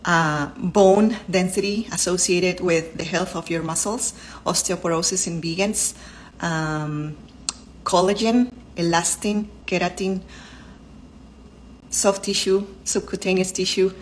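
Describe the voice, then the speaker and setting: A Spanish-speaking woman in her thirties, a doctor and vlogger, talks casually to the camera in English with a Spanish accent from her living room at home. Her lowish voice is steady and unhurried as she earnestly explains health topics, listing terms one by one, with slight hiss or hum audible.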